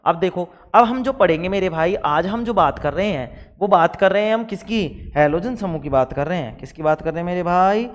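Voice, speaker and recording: A man's voice: high voice, normal speed, few pauses, long reverb tail. A man teaching a science class. He keeps asking questions, answers them himself, and acts out imagined replies from his students. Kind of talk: classroom lecture.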